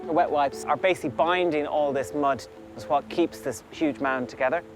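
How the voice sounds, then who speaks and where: A man's voice: on the high side, normal speed. A man leading a river clean-up, earnestly explaining to camera outdoors by a river. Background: music.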